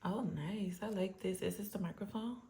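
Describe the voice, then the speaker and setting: A woman, a little sick, chatting excitedly to viewers as she unboxes a gadget, recorded on her phone. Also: mid-range voice, moderate pace, slight background noise. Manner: excited, gushing, keeps addressing viewers as y'all. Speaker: vlogger. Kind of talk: casual unboxing vlog.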